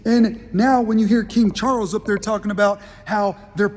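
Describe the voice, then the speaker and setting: Heated high-voiced man ranting. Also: normal speed, long reverb tail. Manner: heated, indignant, animated quoting of others. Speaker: channel host telling a story. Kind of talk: casual storytelling rant.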